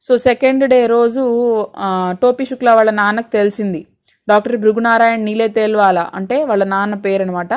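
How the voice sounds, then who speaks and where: A woman's voice: mid-range voice, fairly even intonation, moderate pace. A woman teacher explaining a textbook lesson to students. She reads a passage aloud, then explains it patiently, asking questions and answering them herself. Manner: patient, asks and answers her own questions.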